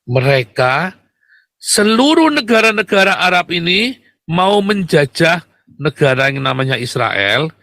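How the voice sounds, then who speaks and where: In a dry recording, a man with a slightly bright voice rails at his audience in a heated, combative monologue, repeatedly calling them brothers. His pitch shoots up sharply every time he drives home a point.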